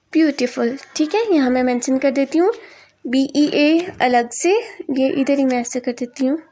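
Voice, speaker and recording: A middle-aged Pakistani woman whose first language is Urdu teaches a spoken English lesson at a board in a Pakistani accent. Her voice is high with a dark tone, and she explains step by step, mixing in English terms and often checking in with "ठीक है".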